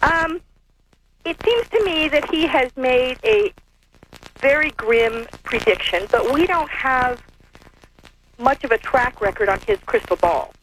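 A woman's voice: sits high, lively intonation, a little slow, long pauses, fairly bright tone. An American woman talking casually as a caller to a radio show. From California, United States. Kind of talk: casual chat. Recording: noisy call to radio show.

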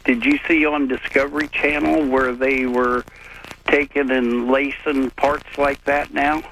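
A man's voice: medium pitch, little pitch movement, measured pace, fairly bright tone. An American man chatting casually as a caller to a radio show. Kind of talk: casual chat. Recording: noisy call to radio show.

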